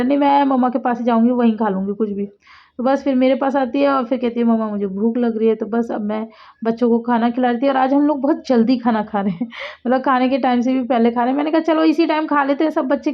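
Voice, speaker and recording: Woman, 30s, from India, home vlogger, high pitch, rambling casual chat, slightly dull phone audio. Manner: chatty, rambling, says "matlab" often. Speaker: vlogger and mother. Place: home kitchen and rooms.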